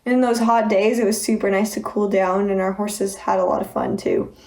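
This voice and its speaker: A woman's voice: mid-range voice, steady tone, moderate pace, darkish tone, slight background noise. A woman rider giving a casual, chatty recap of her own experience. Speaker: horse rider.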